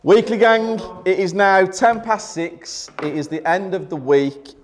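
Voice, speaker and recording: A man's voice: sits high, a little slow. A young man, a property developer, talking upbeat and direct to viewers in a casual vlog at his office. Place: office headquarters, indoors.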